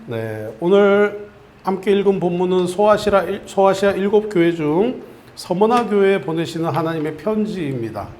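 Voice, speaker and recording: A male pastor preaches a Sunday sermon in a church sanctuary, telling a story and leading the congregation in call-and-response repetition of a phrase. His high-pitched, darkish voice has lively intonation at a moderate pace. The echoey sanctuary recording has slight background noise.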